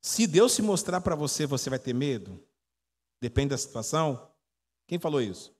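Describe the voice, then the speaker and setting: A Brazilian pastor in his forties gives a chatty teaching sermon in an echoey church hall, telling stories and quizzing his congregation. His Brazilian Portuguese-accented voice is fairly high and sing-song, a little mellow and husky, at a moderate pace.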